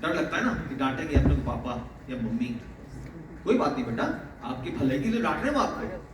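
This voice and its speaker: In a fatherly motivational talk to his students, this male teacher laughs a lot and addresses them as "beta." He has a medium-pitched, expressive voice and talks a little fast, captured on a distant mic in a very echoey space with faint noise.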